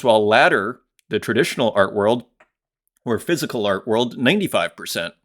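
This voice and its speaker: Male podcast host, solo commentary, mid-pitched, loose and rambling delivery with frequent fillers. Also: a bit bright. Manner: rambling, conversational, many fillers and restarts; reads comments aloud and reacts.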